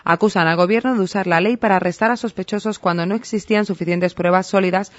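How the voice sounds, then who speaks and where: A woman newsreader reading news reports in a brisk, even delivery. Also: mid-range voice, dry recording. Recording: dull lo-fi radio audio.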